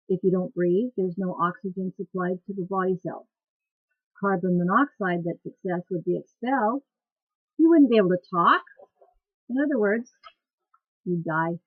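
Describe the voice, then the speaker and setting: A woman's voice: mid-range voice, slightly rough, no echo. A woman teaching dance cueing instructors how to care for their voices, in a plain, practical teaching tone. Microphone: webcam. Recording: tinny phone-like webcam recording.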